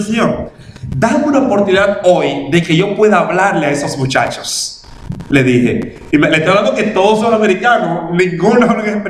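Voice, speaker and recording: A man pastor, preaching a storytelling sermon in a church and acting out past conversations. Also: high voice. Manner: animated, laughing testimony, acting out past conversations. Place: church in Massachusetts. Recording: echoey church hall, faint room ambience.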